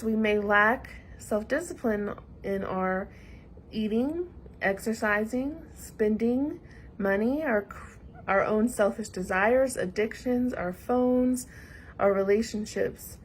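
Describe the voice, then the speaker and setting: A woman with a Southern US accent preaching a sermon in a measured, earnest way with pauses. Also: on the high side, a little hiss or hum, low-quality recording.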